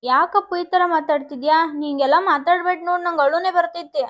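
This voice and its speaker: A woman with a North Karnataka Kannada accent playing a young woman, brisk and scolding. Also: high-pitched, fairly even intonation, a bit bright. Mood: scolding, worried. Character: young woman brushing off her lovers. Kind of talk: short film acting.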